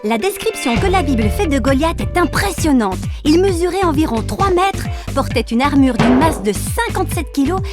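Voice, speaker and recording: A woman narrating a children's cartoon, explaining things in a lively tone. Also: high-pitched, normal speed, hardly any pauses. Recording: studio voice-over with loud music.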